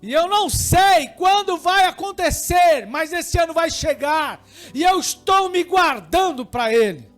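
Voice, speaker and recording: A Brazilian man preaching a sermon at a church service, swinging between quiet talk and shouting with fervor. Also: very high-pitched, animated, measured pace, faint music behind. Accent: Brazilian Portuguese. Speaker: pastor.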